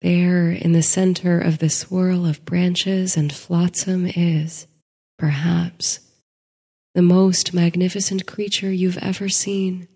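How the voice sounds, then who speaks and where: A woman narrating a sleep story in a soft, hushed voice that slips into whispers. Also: lowish voice, level tone, takes it slowly, breathy edge, long reverb tail.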